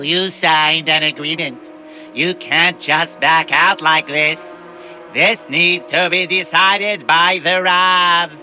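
A man's voice: on the high side, pushed and bright, heavily acted. A man voicing a pompous, boastful rich businessman in a children's story, talking grandly and sprinkling in Hebrew words. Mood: urgent.

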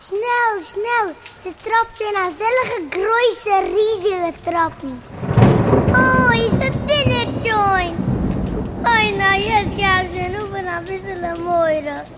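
A woman's voice: extremely high pitch, extremely slow, long reverb tail, background noise, exaggerated voice. A woman voicing an eager, caring young camp girl who fusses over a guest.

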